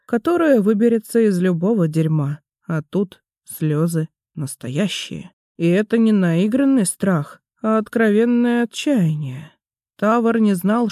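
A man reading a fantasy audiobook aloud in a measured, even storytelling manner. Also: high voice, dry recording, clean studio sound. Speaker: audiobook narrator. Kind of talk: scripted fantasy narration.

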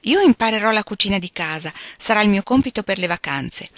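A woman reading aloud voices an outspoken teenage girl, blunt and eager, always first to speak. The sound is dry and close. The pitch sits in the middle. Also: animated, fairly quick, no echo, natural voice.

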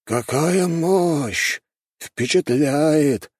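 Gruff old elder in blue, red beard, husky and pitched high by a male narrator; audiobook. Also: moderate pace, a little mellow, no room sound, studio quality, lightly acted. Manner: impressed, gruff.

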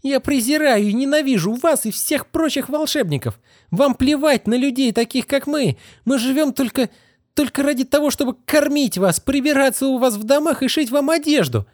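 Performing an audiobook character, a man pitches his voice high, above his natural register, to play a defiant, scornful young woman. He's very animated and furious, with contemptuous outbursts at normal speed, a slightly mellow tone, and a dry, clean studio sound.

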